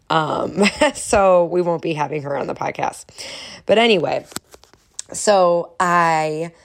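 Woman, podcast host, deep for a woman, lots of fry, stuffy nasal cold, conversational. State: getting over a cold. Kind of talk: casual solo podcast chat.

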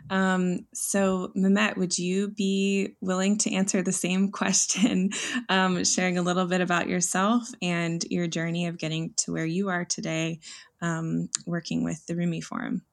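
A woman's voice: fairly low pitch, monotone, unhurried, gravelly. A woman hosting a podcast interview, friendly, with fillers. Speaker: podcast host.

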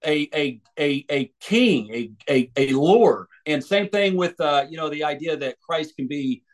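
A man's voice: on the high side, lively intonation, measured pace. American man, earnest interview answers. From United States. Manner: thoughtful, with many restarts and fillers. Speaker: evangelist and author.

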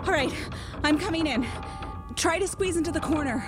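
A woman's voice: high voice, normal speed, loud music behind the voice, lightly acted. An actress playing a brave, blunt young woman in a video game who speaks directly and encouragingly.

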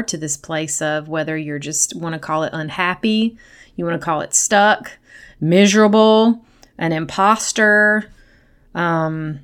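A middle-aged woman hosting a podcast, talking casually and personally in an earnest, encouraging manner to women listeners. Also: fairly low pitch. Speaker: podcast host and coach.

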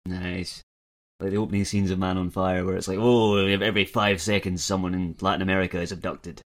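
Low-voiced, swearing male co-host. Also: level tone, fairly quick. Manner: swearing, enthusiastic reactions, loose banter. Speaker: podcast co-host. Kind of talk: casual podcast banter.

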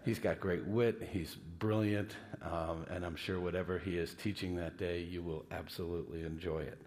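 Older man, low voice through a face mask. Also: fairly even intonation, a little mellow. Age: older, a grandfather. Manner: halting, self-deprecating. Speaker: rabbi, guest teacher. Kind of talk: informal lecture to a class.

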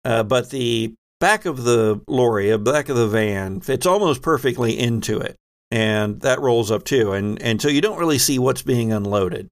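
Acting as game master for a tabletop roleplaying game, a man with a medium-pitched voice narrates conversationally and descriptively. He adds wry asides as he goes.

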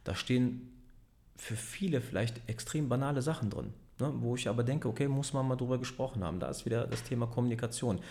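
A man's voice: medium pitch, fast talker, a little mellow. A man who runs a business and leads a team, talking casually in an interview, rambling and correcting himself, often tagging sentences with a questioning aside. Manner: rambling, self-correcting, frequent "ne?" tags. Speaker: business owner and team leader.

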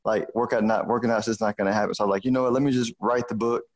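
Speaking in a fairly low, steady voice at a racing pace, a man from Houston, Texas hosts a podcast and works as a financial advisor. His casual chat is colloquial and full of "you know."

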